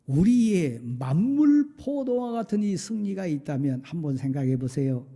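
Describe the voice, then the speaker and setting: A middle-aged man preaching from the pulpit, his slightly high voice carrying a very dark, mellow color. He presses rhetorical questions with force, then softens into quiet confession. It is a pastor's sermon delivery throughout. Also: slightly rough. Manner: emphatic preaching with rhetorical questions, dropping to soft confessional tones. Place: church sanctuary.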